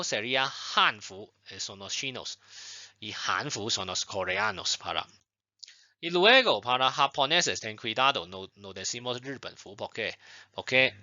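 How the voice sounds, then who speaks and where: Bright-voiced man teaching in Spanish. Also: fairly low pitch, dry recording, lo-fi sound. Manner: explains slowly with repetitions and frequent "bueno" and "ten cuidado". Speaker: Chinese language teacher. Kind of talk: online language lesson.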